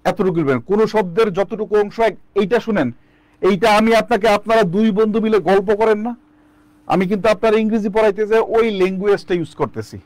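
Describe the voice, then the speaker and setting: A man's voice: high voice, fast talker, darkish tone, no room sound. A man teaching an online English lesson, asking students questions and drilling the answers back. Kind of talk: online lecture.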